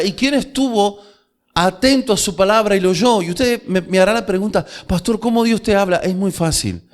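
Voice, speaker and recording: A high-pitched male pastor with a Rioplatense Spanish accent delivers an emphatic sermon, pausing for effect and voicing heartfelt prayers aloud. Soft music plays faintly behind his voice. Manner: emphatic preaching with dramatic pauses and quoted prayers.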